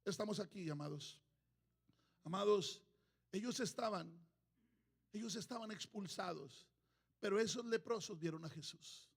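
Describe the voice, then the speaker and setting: A man preaching a sermon to his congregation in church, calling them "amados" and swinging between hushed passages and shouted ones. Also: high-pitched, a little slow, vocal fry, pauses often. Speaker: pastor.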